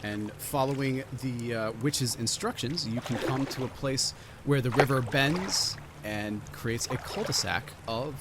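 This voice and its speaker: A man acting as game master for a tabletop game describes scenes in a relaxed, rambling way, using many fillers. His voice is medium-pitched and measured in pace, with noise in the background.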